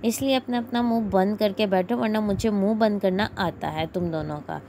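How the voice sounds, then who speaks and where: A woman's voice: mid-range voice, normal speed, creaky, mellow, slight background noise, close to an everyday voice. A woman voicing a bossy young man who scolds and threatens the others into silence. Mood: scolding.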